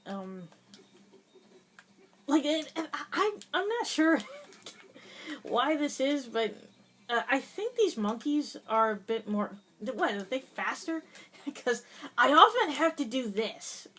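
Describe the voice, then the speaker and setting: A woman's voice: sits high, very animated, slow, pauses often, fairly bright tone. Giggly woman narrating her gameplay. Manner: chatty, giggly, hesitant with many fillers. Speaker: gaming video host. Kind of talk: casual gameplay commentary.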